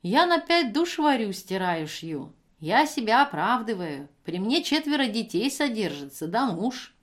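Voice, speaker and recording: A woman's voice: mid-range voice, lively intonation, normal speed, natural voice. Stern hardworking foster mother, firm and commanding, voiced by a woman narrator. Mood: indignant.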